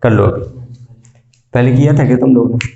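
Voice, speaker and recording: A male math teacher lecturing a classroom, quizzing students and repeating key statements slowly. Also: medium pitch, creaky, mellow, highs cut off. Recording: echoey classroom.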